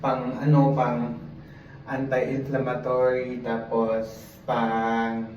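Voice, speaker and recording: A man's voice: mid-range voice, monotone, extremely slow, darkish tone, a little hiss or hum. A man vlogging casually while doing laundry, chatty and rambling, often laughing at himself. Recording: echoey, dull, from far off.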